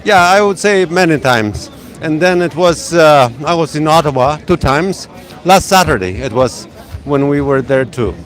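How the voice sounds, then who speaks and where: A middle-aged man from Poland with a Polish accent, speaking haltingly as an interviewee outdoors at a protest. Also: fairly high pitch, expressive. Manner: halting, searching for words.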